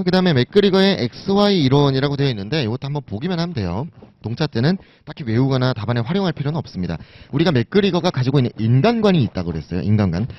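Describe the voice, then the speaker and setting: A man's voice: mid-range voice, dry recording. A man teaching an exam-prep lecture, casually asking and answering his own questions. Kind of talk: recorded lecture. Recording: dull lo-fi recording.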